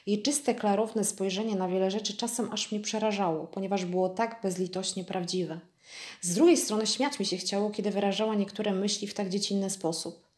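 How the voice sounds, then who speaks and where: A woman vlogger reading a book aloud to her viewers in a calm, measured way. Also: mid-range voice. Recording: echoey room.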